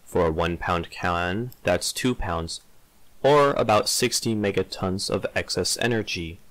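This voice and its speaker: A man giving a dramatic reading of mock-scientific text in a theatrical, measured way, with emphatic pauses. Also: low-pitched, a bit bright, dry recording. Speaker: reader of a humorous text.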